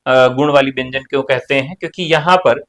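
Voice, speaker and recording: A man teaching an exam-prep class, walking through questions one at a time. He asks a question aloud, then answers it himself in a relaxed, talkative way, sometimes with a casual joke. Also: medium pitch, a little fast. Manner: casual joking asides. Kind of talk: online exam-prep lecture.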